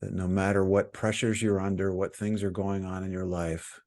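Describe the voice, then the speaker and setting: Frequent pauses mark the soothing, calm instructions of this male meditation teacher. His voice is low-pitched as he guides the session.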